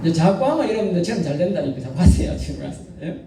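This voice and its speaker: A man's voice: high-pitched, sing-song, fast talker, warm tone. A male pastor preaching a sermon, exhorting the congregation and often asking them to respond. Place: church sanctuary. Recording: echoey church hall from far off.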